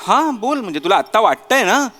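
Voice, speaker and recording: A man with a high, bright voice plays a fed-up husband caught between his wife and his mother. He pleads and complains and sometimes bursts into shouts. The sound has a long stage reverb with faint music behind. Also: big pitch swings, brisk. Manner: exasperated, pleading, rising to shouts. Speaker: husband in a comedy sketch. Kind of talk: stage comedy sketch acting.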